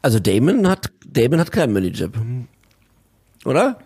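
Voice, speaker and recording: A man's voice: mid-range voice, huge pitch swings, normal speed, creaky, a little mellow, slightly rough. A man co-hosting a podcast, a former director who eagerly explains camera technique in casual chat. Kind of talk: casual chat about a TV series.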